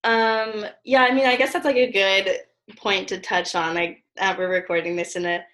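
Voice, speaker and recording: A young woman hosts a relaxed podcast chat with a gravelly vocal fry. She laughs easily and talks in a loose way, full of fillers. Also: medium pitch, moderate pace. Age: young adult. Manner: giggly, chatty with many fillers. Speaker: podcast host.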